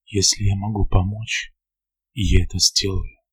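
A man reading an audiobook, voicing a weary older noblewoman who speaks softly and pleadingly. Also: deep voice, level tone, measured pace, husky.

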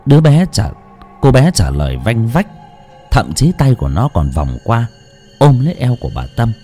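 A man narrating a ghost story with dramatic, lively storytelling. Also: mid-range voice, normal speed, husky. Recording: music under the voice.

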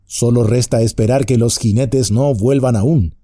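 A man's voice: medium pitch, a little slow, dark tone, no echo, studio quality, lightly acted. A man doing Frodo, a weary worried hobbit. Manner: weary, earnest, polite. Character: tired, worried young male hobbit.

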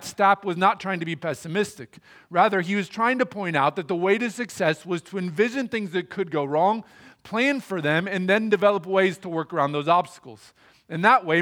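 Earnest preaching man, fairly high voice. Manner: earnest, steady preaching with a prayer. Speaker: pastor. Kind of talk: sermon. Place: church sanctuary.

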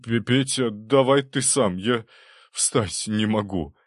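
A man's voice: on the low side, expressive, moderate pace, breathy edge, dry recording, clean studio sound. A man voicing a cowardly, panicking middle-aged male governor who whines and squeals in fear. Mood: limp. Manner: frightened, whining and squealing.

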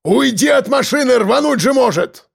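A gruff army lieutenant barks commands, his gravelly voice pushed up high and swinging widely, as a male reader acts him out. He is stern and rule-bound, and he shouts over the chaos with no warmth at all. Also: lively intonation, normal speed, full character voice. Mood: shouting orders. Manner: barked orders, shouting. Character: stern, gruff middle-aged convoy lieutenant.

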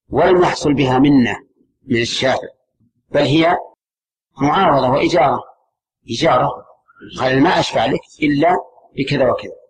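Man teaching a measured religious lesson. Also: mid-range voice, a little hiss or hum, low-quality recording. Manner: measured, repeats key terms, asks the class questions. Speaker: Islamic scholar teaching a class.

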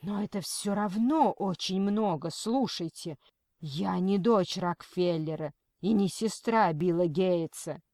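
A woman's voice: fairly low pitch, takes it slowly, warm tone, no room sound, clean studio sound. A woman voicing a frightened yet firm middle-aged mother arguing with a kidnapper. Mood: agitated. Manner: agitated, firm. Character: frantic but stubborn middle-aged mother.

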